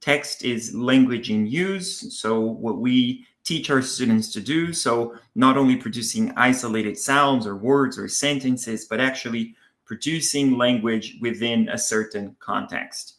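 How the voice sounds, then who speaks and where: A man from Brazil giving a conference talk to teachers, pausing often with ums and restarting his sentences. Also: mid-range voice, a bit bright. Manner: hesitant, with many ums and restarts. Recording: roomy echo.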